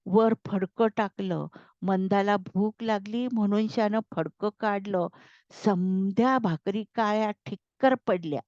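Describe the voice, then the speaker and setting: A woman's voice: mid-range voice, unhurried, darkish tone, no echo, natural voice. Brief: frightened country maidservant, plain rustic talk, read by a woman; dull, dry recording. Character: breathless, frightened village maidservant, rustic speech.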